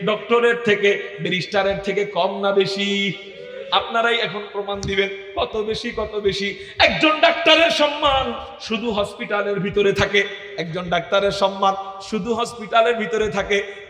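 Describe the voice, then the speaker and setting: A man with a Bangladeshi Bengali accent preaching a waz sermon to a crowd, shouting with passion and firing rhetorical questions, now and then chanting Arabic verses. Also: sits high. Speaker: Islamic preacher. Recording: echoey PA sound with long reverb.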